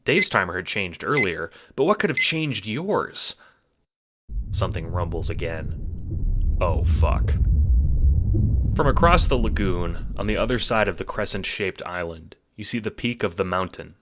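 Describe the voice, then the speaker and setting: A low-pitched man with lively intonation speaks at a measured pace through heavy background noise, with music beneath his voice. As narrator and producer, he dramatically recounts a scripted story addressed to the listener as "you."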